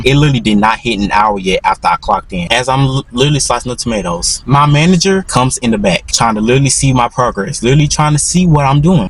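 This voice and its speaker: A man's voice: medium pitch, a little hiss or hum, poor audio. A young man in his twenties telling a storytime as a vlogger, rambling with constant restarts and repeated "literally". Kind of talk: storytime monologue.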